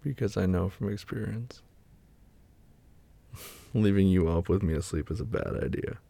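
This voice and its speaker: A man softly murmuring and whispering in an intimate roleplay, soothing a partner back to sleep. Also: sits low, normal speed. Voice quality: husky and breathy. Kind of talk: whispered boyfriend roleplay ASMR.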